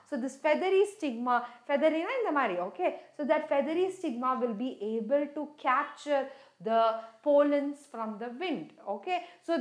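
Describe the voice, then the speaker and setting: A young woman with a South Indian Tamil accent, a native Tamil speaker, teaching an online lesson with emphatic repetition of key terms. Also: high voice. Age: young adult. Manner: emphatic, repeats key terms and checks in with "okay". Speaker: biology teacher. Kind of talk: online lesson, explaining to students. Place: indoor teaching studio in front of a screen. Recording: roomy echo.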